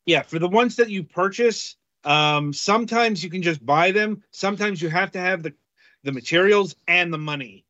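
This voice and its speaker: A man co-hosting a casual game-review podcast, talking haltingly with many fillers. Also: high-pitched, sharp tone, dry recording, muffled recording. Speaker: podcast co-host reviewing games.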